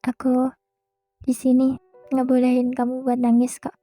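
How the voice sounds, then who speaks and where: A young woman hosting a podcast, speaking a gentle, reassuring monologue straight to the listener. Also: sits high, monotone, moderate pace, no room sound, soft background music. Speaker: podcast host. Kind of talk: soft comforting monologue.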